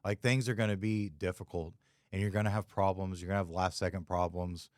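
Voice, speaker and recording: A man's voice: low voice, steady tone, a little fast, a little mellow, no room sound, studio quality. A man hosting a podcast, chatting casually in a laid-back, rambling way full of fillers. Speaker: podcast host, photographer. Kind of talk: casual chat.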